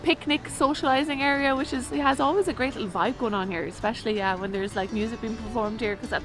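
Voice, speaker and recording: A woman's voice: on the high side, steady tone, quick pace, low-quality recording. A woman from Galway with a west of Ireland accent, chatting enthusiastically as a vlog co-host over music. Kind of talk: casual vlog chat. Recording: music playing behind the voice. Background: clear background music.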